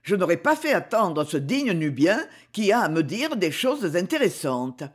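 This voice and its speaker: A man reading the part of a calm, solemn male sorcerer in an audiobook, speaking slowly and gravely. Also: sits high, full character voice.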